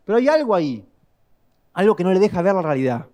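A man's voice: sits high, sing-song, fast talker. Dramatic Rioplatense preacher man. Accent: Rioplatense Spanish. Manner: dramatic, swings between loud and hushed. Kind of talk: sermon with storytelling.

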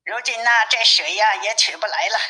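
A woman's voice: medium pitch, moderate pace, pushed and bright, close to an everyday voice, rough recording. A woman voicing a talkative old village woman who explains things at length in a storybook reading. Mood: explaining.

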